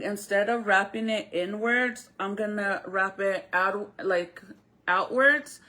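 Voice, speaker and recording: A woman's voice: medium pitch, bright, forceful tone. A woman chatting casually on a live stream as she explains a craft, speaking informally to viewers with a retainer in her mouth. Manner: informal, conversational, addresses viewers directly.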